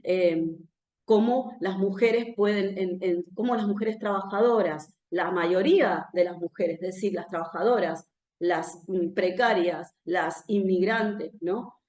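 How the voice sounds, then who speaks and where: A woman's voice: lowish voice, unhurried, a little mellow, dull audio. Argentine woman speaking in a roomy echo. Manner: conversational, often ends phrases with a questioning "no?". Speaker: speaker at a political talk. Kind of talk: live public talk. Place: room where a talk is held, with an audience.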